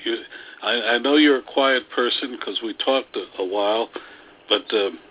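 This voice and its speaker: A man hosting a radio interview show, speaking haltingly with many ums and restarts. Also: mid-range voice. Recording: phone-like band.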